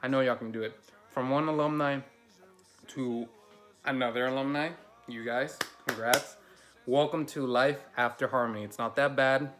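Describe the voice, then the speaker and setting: A man's voice: mid-range voice, fairly even intonation, normal speed, fairly bright tone. A young man, a school alumnus, giving a casual and encouraging recorded graduation message with plenty of slang fillers.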